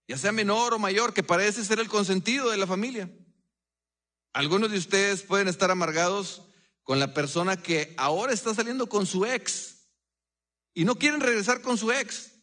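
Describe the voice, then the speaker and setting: A man preaching a sermon as pastor, earnest and conversational, often pausing and dropping into a hush. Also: high voice. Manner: earnest, conversational preaching with frequent pauses and sudden hushed drops.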